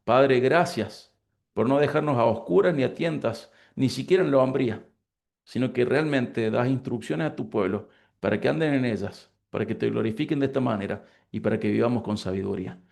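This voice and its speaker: Casting: Argentine man in his forties, pastor, gravelly voice, earnest and grateful. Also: medium pitch, fairly quick, darkish tone. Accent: Argentine Spanish (Córdoba). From Córdoba, Argentina. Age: 40s. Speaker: pastor and lecturer. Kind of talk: prayer and interview answers.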